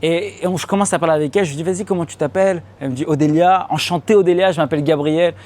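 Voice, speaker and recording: A young man from France performing a stand-up comedy set on a club stage, slangy and animated, talking straight to the crowd and acting out loud high-pitched outbursts. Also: very fast. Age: young adult. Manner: slangy casual French, addresses audience directly. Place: comedy club stage before a live audience.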